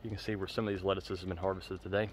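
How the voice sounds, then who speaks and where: A farmer and vlogger gives an informal, folksy tour of his farm, talking matter-of-factly into a handheld phone. His voice is low-pitched and level in tone, and he races along. It's windy outdoors, so a glove covers the phone's microphone.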